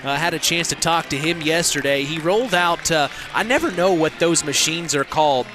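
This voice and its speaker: A man's voice: a little high, a little fast, music in the background. An American man hosting a live local sports broadcast with casual, chatty commentary. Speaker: play-by-play broadcaster. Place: courtside in a school gymnasium.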